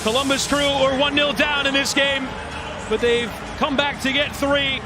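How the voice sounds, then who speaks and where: A man calling a soccer match as play-by-play commentator, moving between measured calls and excited shouts. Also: very high voice, music in the background. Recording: loud stadium crowd noise behind. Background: roaring stadium crowd.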